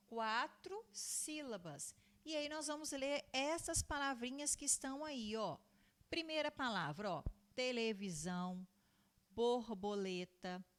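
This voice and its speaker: A woman, a primary school teacher giving a recorded lesson to young children, patiently repeating points, answering her own questions and drawing out words slowly. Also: on the high side, a bit bright. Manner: stretches out words slowly when spelling them out.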